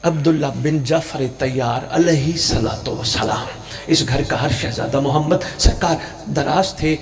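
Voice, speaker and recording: A man, preaching an emotional mourning sermon with impassioned, sing-song chanting that swells suddenly. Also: on the high side. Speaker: Shia religious preacher. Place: religious gathering in Punjab.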